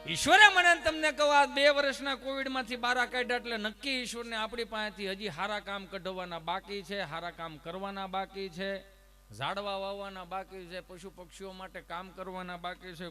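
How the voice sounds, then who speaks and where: High, bright-voiced Saurashtrian storyteller man. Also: normal speed, a little hiss or hum. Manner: lively anecdotes with acted dialogue and rhetorical asides. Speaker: comic storyteller. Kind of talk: Gujarati folk humor storytelling to a live audience. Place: stage at an ashram program.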